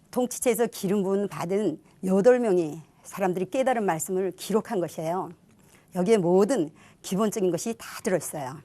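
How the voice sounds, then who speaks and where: A woman's voice: medium pitch, dark tone, no room sound. A middle-aged woman giving her church testimony in an earnest, reflective storytelling manner. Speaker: testimony speaker.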